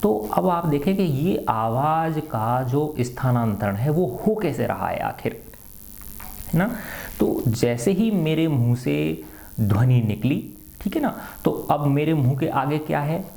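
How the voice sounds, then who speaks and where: A man's voice: a little high, lively intonation, takes it slowly, gravelly, warm tone, faint music behind. A middle-aged man teaching a science lesson to students, often asking a question and answering it himself, and tagging his sentences with a short check for agreement. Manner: asks and answers his own questions, repeats "है ना". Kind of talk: classroom lecture to students.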